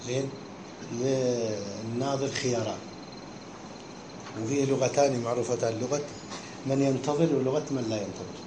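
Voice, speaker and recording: Teacher quizzing his students. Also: mid-range voice. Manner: keeps checking understanding with short questions. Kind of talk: classroom lesson explaining a text. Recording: echoey room with faint background hum.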